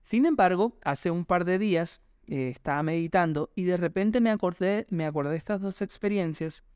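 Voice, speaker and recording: A man hosts a personal podcast and tells a reflective, wandering story straight to his listeners. His voice is fairly high and very smooth and clear. The sound is dry and close. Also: darkish tone, no echo. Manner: reflective, rambling anecdotal storytelling, addresses listeners directly. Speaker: podcast host.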